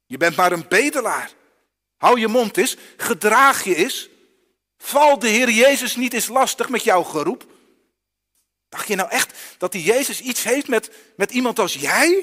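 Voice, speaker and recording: A man voicing a scornful crowd that sneers at a blind beggar and tells him to be quiet, in a hall with a long echo. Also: very high voice, pitched above the performer's own voice, exaggerated voice. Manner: sneering, contemptuous.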